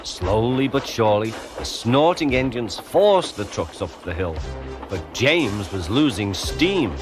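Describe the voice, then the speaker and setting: A man narrating a children's train story in a measured way and voicing the characters. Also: lowish voice, big pitch swings. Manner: measured, acts out the characters' lines. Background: music.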